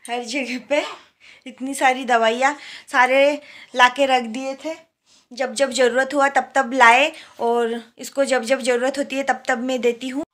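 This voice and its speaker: This is a fairly bright, high-sitting female voice. It belongs to a young Indian woman who recently became a mother, casually talking in a home vlog and explaining whatever she shows on her phone's camera.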